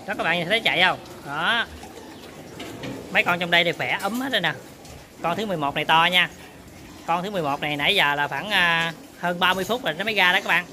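A man's voice: sits high, noisy background. A man casually talks viewers through work in his pig barn, often turning to address them. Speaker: pig farmer vlogger. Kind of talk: casual on-farm demonstration.

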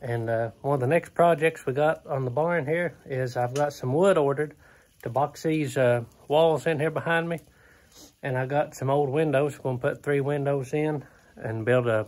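A man, talking casually through a walkthrough of his barn, easygoing and plainspoken with lots of "uh" fillers, recorded on a phone held at arm's length in an open wooden barn. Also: on the high side. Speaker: homesteader vlogger. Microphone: phone camera held at arm's length.

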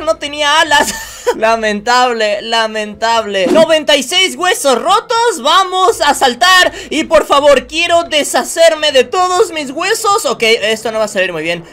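Very high-voiced excitable man. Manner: excitable, bursts into shouts and laughter. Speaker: gaming YouTuber. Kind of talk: lively gameplay commentary.

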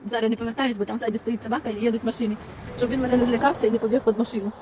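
A woman with a fairly high voice cooing and chanting in sing-song baby talk to stray dogs as she feeds them. She is recorded outdoors beside a road, with clear traffic noise behind her. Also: level tone, very fast. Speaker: volunteer feeding stray dogs. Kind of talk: casual vlog talk to dogs. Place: outdoors by a roadside dump. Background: passing cars and animal sounds.

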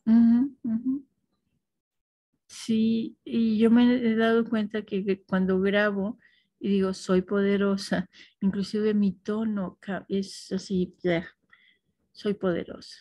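A woman teaching a class, talking thoughtfully with restarts and soft affirmations to her students. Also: medium pitch, little pitch movement, takes it slowly, dry recording.

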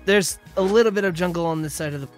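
A man playing along as a guest, narrating his finds with excitement in casual chat. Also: sits high, fast talker. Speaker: guest player. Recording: faint music behind.

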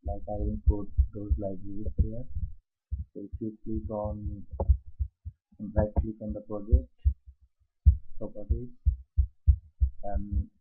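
A hoarse man with a cold talks through a screencast tutorial as an instructor, halting often with fillers and restarts. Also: fairly low pitch. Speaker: software testing instructor. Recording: tinny phone-like audio.

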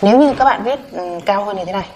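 A woman's voice: mid-range voice, quick pace, a little mellow, a little hiss or hum, low-quality recording. A woman teaching a Korean vowel lesson in Vietnamese, patiently repeating each sound and asking the class questions she answers herself.

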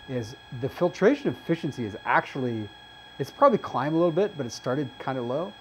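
Man, casual product review host, lively pitch, mid-range voice, talks through results with fillers. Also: a little hiss or hum, poor audio. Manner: chatty, explains as he goes, frequent "uh" and "um". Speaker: host reviewing face masks.

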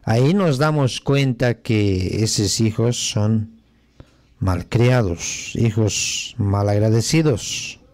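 A man's voice: fairly low pitch, slow, a little mellow, no echo, clean studio sound. A man hosting a live radio show, chatting and scolding listeners with rhetorical questions. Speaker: radio host.

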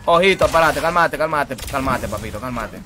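A man streaming a fighting game, commenting excitedly and greeting his chat by name, speaking with vos. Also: mid-range voice, moderate pace, noisy background. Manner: excitable, calls viewers bro and rey, greets chat by name. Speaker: gaming streamer.

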